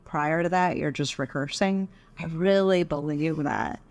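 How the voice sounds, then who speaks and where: Middle-aged woman from Texas, low-pitched, reflective interview guest. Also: darkish tone. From Texas, USA. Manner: thoughtful, measured. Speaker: podcast guest, architect.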